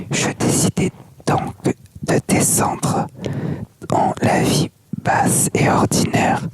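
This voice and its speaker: An ASMR reader whispering softly without voice, like in a library, reading a book aloud with asides. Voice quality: unvoiced soft whisper. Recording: very noisy whisper recording with mouth clicks.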